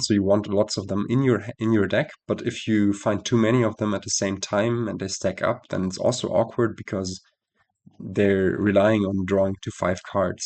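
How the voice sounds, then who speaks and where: A man's voice: lowish voice, a little mellow. A man with a nasal voice giving casual, analytical commentary on a card game he just played, often correcting himself as he thinks aloud.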